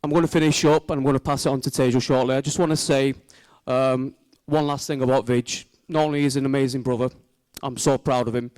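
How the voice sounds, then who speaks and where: A man's voice: medium pitch, fairly even intonation, quick pace, hardly any pauses, a little mellow, dry recording, rough recording. A man giving an informal, heartfelt wedding speech as the groom's brother, speaking sincerely and a little hesitantly.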